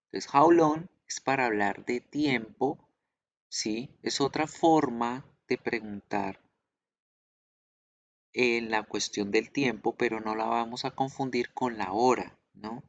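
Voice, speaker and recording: Man, English teacher, slow and patient, mid-pitched, muffled online audio. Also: no echo. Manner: slow, patient explaining, drilling pronunciation aloud. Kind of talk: online class explanation.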